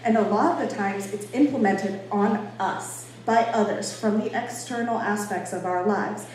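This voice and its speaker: An American woman from Boston gives an informal public talk at an echoey indoor venue with an audience, sounding emphatic, conversational, and playfully self-deprecating. Her medium-pitched, darkish voice has a moderate pace, captured by a distant mic in an echoey room with faint noise.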